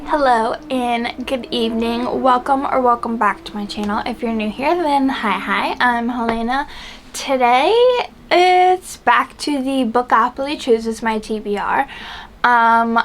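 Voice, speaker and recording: Casual rambly young woman, high voice, book channel host talking to camera. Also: fairly bright tone. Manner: chatty, rambling, lots of fillers.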